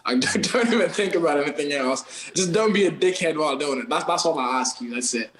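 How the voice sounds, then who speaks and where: A man's voice: fairly high pitch, fairly quick, roomy sound, background noise. A man from Kenya, a guest on a podcast, talking loosely in slang and calling everyone bro and man. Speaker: podcast guest, TikTok creator. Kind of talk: casual podcast chat.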